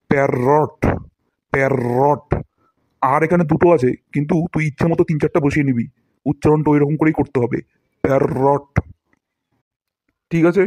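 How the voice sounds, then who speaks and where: A man's voice: a little high, darkish tone, no room sound, natural voice. A man playing a pompous scolding cartoon teacher. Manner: pompous, scolding, theatrical demonstrations of words. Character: boastful, scolding male English teacher. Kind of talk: cartoon voice acting.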